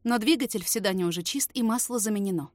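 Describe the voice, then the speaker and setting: A woman narrating a novel in the first person, steady and even. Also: medium pitch, fast talker, dry recording, studio quality. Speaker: audiobook reader.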